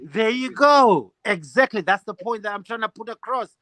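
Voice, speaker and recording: A man's voice: high-pitched, normal speed, bright, forceful tone, no echo. A man in a casual street debate, insistent and argumentative, talking with many fillers. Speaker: street interviewer.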